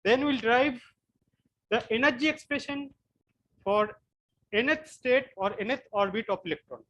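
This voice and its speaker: A man from West Bengal with an Indian English accent, giving an online physics class and explaining slowly with frequent repetitions. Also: very high voice, a bit bright, low-quality recording. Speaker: physics lecturer.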